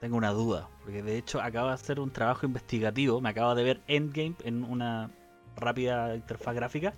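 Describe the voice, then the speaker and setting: A man's voice: mid-range voice, steady tone, quick pace, soft background music. A man with a Chilean accent, a podcast co-host, chatting casually in a joking, teasing way. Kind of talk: casual chat.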